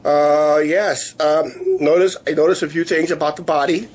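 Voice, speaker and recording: A man in his fifties chatting casually to camera in a rambling, halting way, his voice weak and sore after illness. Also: fairly high pitch, steady tone. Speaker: vlogger. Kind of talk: casual video diary chat. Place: small living room, indoors. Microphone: camera at arm's length. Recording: noisy room ambience on camera mic.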